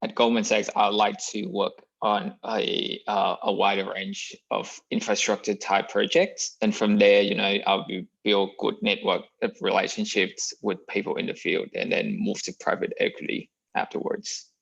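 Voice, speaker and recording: A man's voice: on the low side, flat delivery, moderate pace, vocal fry, hardly any pauses, a bit bright, slightly rough, rough recording. A young man from Vietnam with a Vietnamese accent, an MBA applicant answering questions hesitantly with many fillers. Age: young adult.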